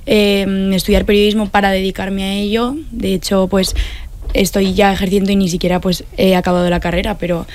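A woman's voice: mid-range voice, level tone, brisk, darkish tone, slight background noise. A woman in her twenties from south of Madrid, a journalism student answering interview questions eagerly. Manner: eager, repeats "sí, totalmente".

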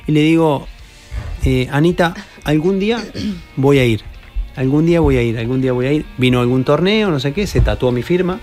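A man's voice: fairly high pitch, brisk, a little mellow, soft background music. Chatty Argentine man telling stories. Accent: Rioplatense Argentine. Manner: chatty storyteller, many restarts. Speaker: professional padel player, radio guest. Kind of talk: casual radio interview. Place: radio studio.

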